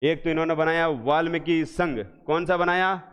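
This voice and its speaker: A man teaching an exam revision class, asking questions again and again and answering them slowly and with emphasis. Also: fairly high pitch, fairly even intonation, fairly bright tone, clear, resonant tone. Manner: drills students with repeated questions, slow emphatic answers. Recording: echoey hall, dull lo-fi sound.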